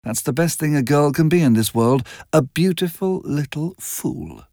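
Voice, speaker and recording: A man's voice: a little high, expressive, moderate pace, gravelly, dark tone, no echo, clean studio sound, voice pushed up. A man doing an airy, mocking young rich woman. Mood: wistful. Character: restless cynical young wealthy woman. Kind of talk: audiobook character voice.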